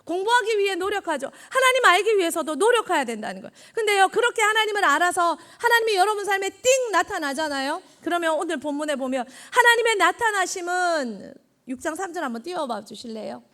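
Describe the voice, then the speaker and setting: A woman preaches a children's sermon in a high, bright voice. Her pitch swoops up and down. She keeps quizzing the children and repeating their answers back to them. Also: very animated, brisk, hardly any pauses. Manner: acts out God's words in quoted lines. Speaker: junior evangelist.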